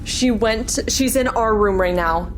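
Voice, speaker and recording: A woman chatting casually during a ghost hunt, excitable and easily startled, in on-location vlog sound. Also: medium pitch, a little slow, a little hiss or hum. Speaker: paranormal investigation vlogger.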